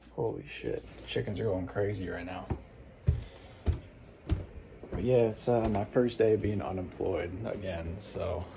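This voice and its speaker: A man's voice: lowish voice, creaky. A man talking casually to viewers in a rambling, laid-back, informal vlog style. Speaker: vlogger. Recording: some background noise.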